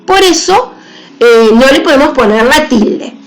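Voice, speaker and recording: A woman's voice: high-pitched, lively intonation, measured pace, faint music behind. A woman teacher giving a grammar lesson on accent marks, talking carefully through example words on slides.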